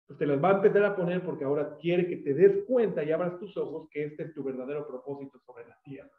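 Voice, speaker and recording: A man's voice: on the high side, quick pace, reverberant, narrow, tinny audio. A man with a Mexican Spanish accent, preaching a sermon and telling stories as a pastor and teacher, acting out the voices of the people in them. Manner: animated, acts out quoted voices. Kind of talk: sermon with storytelling.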